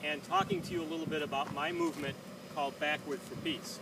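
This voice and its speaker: A man in his sixties speaking earnestly while walking around an outdoor track, pausing often with "uh". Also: on the high side, wildly swooping pitch, creaky. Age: 60s. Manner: earnest, measured, with frequent "uh" pauses. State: talking while walking backward. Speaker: founder of a peace walking movement. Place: outdoor running track by traffic. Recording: distant outdoor mic with loud traffic noise.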